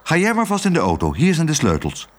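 A man's voice: fairly high pitch, wildly swooping pitch, pitched above the performer's own voice. Tos, a man doing a flustered dad. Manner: hurried and flustered. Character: flustered, scatterbrained father.

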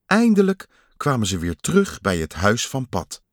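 A man reading a children's story aloud in a slow, expressive storytelling manner. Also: mid-range voice, no room sound, studio quality.

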